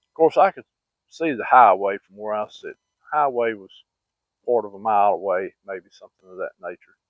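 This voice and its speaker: Speaking at a moderate pace in a fairly low voice, a middle-aged man who hosts a hunting-story channel spins a rambling, folksy yarn packed with fillers and false starts. The recording is dry and sounds like a phone.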